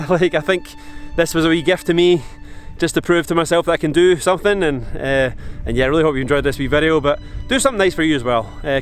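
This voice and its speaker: A Scottish man of forty talking casually to camera outdoors on a mountain, reflective and halting, shivering a little in the cold. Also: a little high, a bit bright. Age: 40s. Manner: halting, reflective, many restarts and fillers. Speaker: vlogger.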